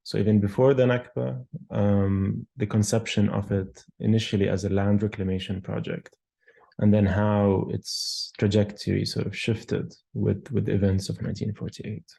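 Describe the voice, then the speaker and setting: Low gravelly-voiced man, measured and thoughtful. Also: level tone, warm tone. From Palestine. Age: 30s. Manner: thoughtful, measured, frequent pauses and fillers. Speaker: architectural historian. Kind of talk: interview answers.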